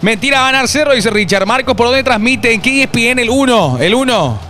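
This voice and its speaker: A man's voice: very high voice, animated, brisk, pushed and bright, slight background noise. A man, hosting a football watch-along stream, chatting casually and reading viewers' messages aloud. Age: 20s. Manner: reads chat aloud and banters with viewers. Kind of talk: casual live-stream chat.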